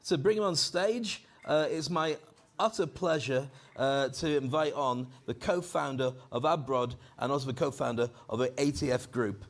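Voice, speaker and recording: Here a male event host and speaking coach presents with high energy from a conference stage, handheld mic in hand. His medium-pitched voice moves at a normal speed as he jokes and rouses the crowd with animated delivery.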